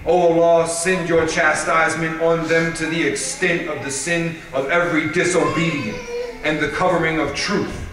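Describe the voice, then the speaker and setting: A man giving a sermon at a religious gathering, reading aloud in a measured, steady way. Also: on the high side. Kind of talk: sermon with read-aloud prayer. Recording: echoey hall, voice from far off.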